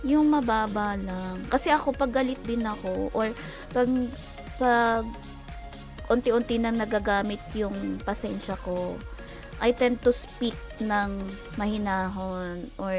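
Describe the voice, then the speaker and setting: A young adult woman with a Filipino accent chatting casually and teasingly on a game livestream, quick to laugh. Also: mid-range voice, over music. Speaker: game streamer.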